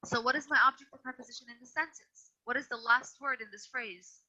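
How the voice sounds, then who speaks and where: A woman's voice: on the high side, fast, pushed and bright. A woman teacher leading an online grammar lesson, patient but firm as she repeats and corrects her students. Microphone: video call. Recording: dull lo-fi video call audio.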